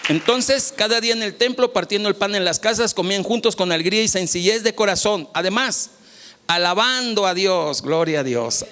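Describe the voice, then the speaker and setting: A man, preaching a sermon as pastor, swinging from loud calls to soft, low asides. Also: normal speed, in a large hall, slight background noise.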